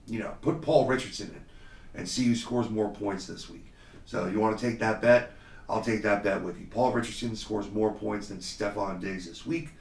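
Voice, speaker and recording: A podcast host with a fairly low, slightly hoarse voice talks off-mic, far from it and in a reverberant space, sounding a bit under the weather. He's confident and conversational, using lots of fillers, in a solo fantasy football podcast.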